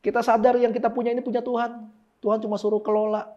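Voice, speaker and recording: A man preaching a casual, lively sermon and talking with members of the congregation. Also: very high voice, quick pace. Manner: lively, animated, talks with the congregation. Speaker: pastor. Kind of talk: casual sermon with live demonstration. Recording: dull lo-fi sound.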